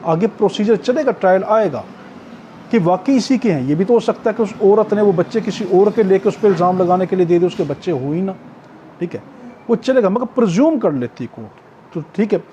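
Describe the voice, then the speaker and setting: Lecturing on law for exam preparation, this Pakistani-accented man works through the material step by step, repeats himself and checks in frequently. When reading clauses he shifts into slow English before explaining them. The recording carries a slight hiss or hum, and his high, dark-toned voice has lively intonation.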